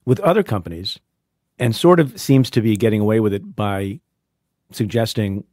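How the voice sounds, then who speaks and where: A man's voice: lowish voice, moderate pace, darkish tone, dry recording. A man hosting an interview podcast in a studio, asking questions in a wry, playful way. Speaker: podcast host. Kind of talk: conversational interview. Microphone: studio microphone.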